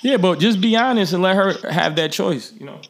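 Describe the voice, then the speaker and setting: A man's voice: high voice, lively intonation, moderate pace, vocal fry, slight background noise. A man co-hosting a podcast, chatting loosely and joking in slangy banter. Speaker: podcast host. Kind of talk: casual chat.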